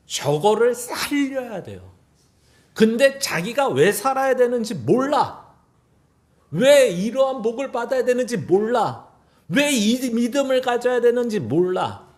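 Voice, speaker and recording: A pastor preaching a sermon in church, putting rhetorical questions to the congregation and acting out bits of dialogue. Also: male voice, very high voice, sing-song, slow pace, darkish tone. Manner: acts out quoted dialogue in shifting voices. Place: church sanctuary.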